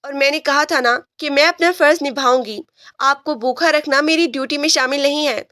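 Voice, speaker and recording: Storybook read: a woman plays a proud, defiant young heroine who will not back down, high and dry. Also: bright, forceful tone, no room sound. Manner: teasing, defiant.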